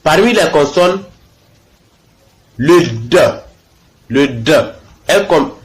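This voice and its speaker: A male language teacher speaks in a somewhat high voice, taking his time over each letter. He repeats example words twice and pauses to ask "ok?" before moving on. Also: lively intonation. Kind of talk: language lesson.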